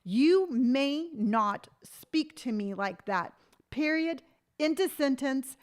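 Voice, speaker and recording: In her late fifties, this woman chats on a live stream with a high, expressive voice at a slow pace. She reads viewer comments aloud and tells stories with emphatic conviction in a casual way.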